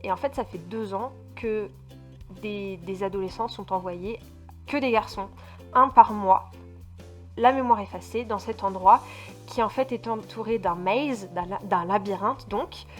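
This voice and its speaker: Stammering, expressive French woman. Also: mid-range voice, measured pace, soft background music. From France. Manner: stumbling, restarts often, many fillers; expressive, emphatic about feelings. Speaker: book vlogger. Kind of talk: casual book review chat.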